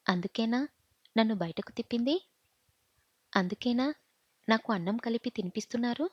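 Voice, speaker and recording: A woman's voice: on the high side, moderate pace, no room sound. Woman telling a story, dull dry audio. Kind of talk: first-person audiobook narration.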